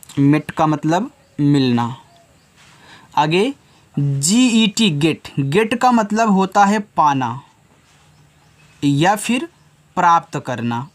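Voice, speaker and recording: A male English teacher with a slightly high voice gives children a slow, patient phonics lesson. He spells out each word letter by letter and calls his learners "children."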